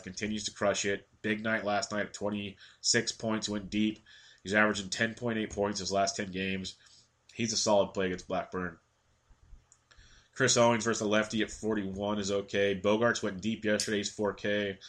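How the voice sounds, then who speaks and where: Man, congested, slightly low voice, casual picks rundown, stat-heavy. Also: level tone, fairly bright tone. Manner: quick stat-heavy delivery, ranting at times. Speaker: fantasy baseball analyst.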